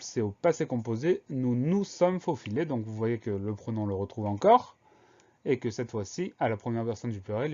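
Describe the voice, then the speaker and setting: A man's voice: medium pitch, mellow, dull audio. A man teaching a spelling lesson, carefully spelling out words letter by letter. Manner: slow, deliberate spelling out of letters.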